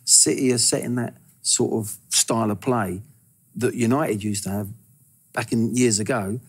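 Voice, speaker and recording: A man in his sixties talking as a football pundit in a TV studio, animated and stumbling over his first words, on a lapel mic. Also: fairly low pitch, normal speed, slightly rough. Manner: animated, gesturing with hands, repeats words when starting. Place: large TV studio.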